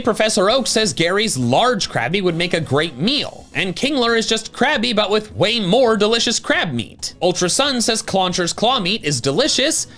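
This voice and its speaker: A man's voice: high-pitched, fairly bright tone. A man reading a scripted video essay with playful, wry commentary.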